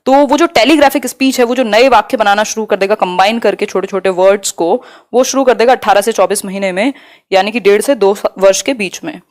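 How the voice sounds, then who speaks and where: A woman teaching a live online exam-prep class, talking quickly and conversationally and checking in with her students often. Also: medium pitch.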